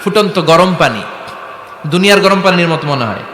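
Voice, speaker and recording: A man delivers a dramatic sermon, throwing rhetorical questions at the crowd. His fairly high voice rings bright and forceful. It carries a long echo through a big hall with faint ambience behind it. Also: lively intonation, brisk. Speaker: preacher.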